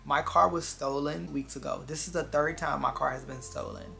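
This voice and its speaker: A vlogger in their twenties chats casually and reflectively with viewers over background music, earnest and confiding, repeating phrases for emphasis. The voice is medium-pitched, steady and pushed-bright with vocal fry, at a normal speed.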